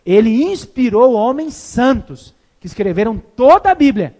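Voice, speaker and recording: A man from Brazil gives an evangelistic sermon in a high voice. He tells the story with animation, acting out each exchange and turning to the congregation with questions. He sounds like a pastor speaking to his church. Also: sing-song, measured pace, darkish tone.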